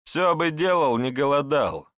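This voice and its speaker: A man's voice: fairly high pitch, lively intonation, measured pace, fairly bright tone, no room sound, studio quality, pitched above the performer's own voice. A man voicing a stocky, well-fed young estate worker who grumbles reluctantly. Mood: grumbling. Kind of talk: audiobook character voice.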